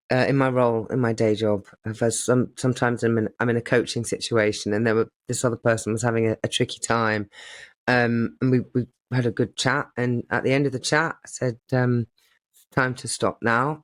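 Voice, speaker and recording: A man's voice: medium pitch, fairly even intonation, fairly quick. A man co-hosting a casual podcast chat, wry and philosophical, with self-mocking asides. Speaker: podcast co-host.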